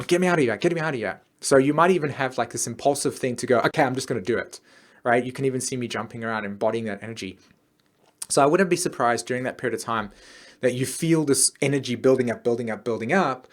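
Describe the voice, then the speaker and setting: A man explaining an astrology forecast, talking loosely with many restarts and acting out the planets in little quoted voices. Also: mid-range voice. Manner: rambling, many restarts and fillers.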